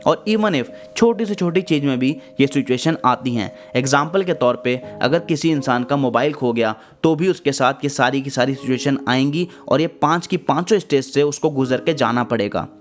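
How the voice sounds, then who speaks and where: Man explaining patiently over guitar music. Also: a little high. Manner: patient, explains step by step with everyday examples. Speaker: self-help channel host. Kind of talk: motivational explainer talk.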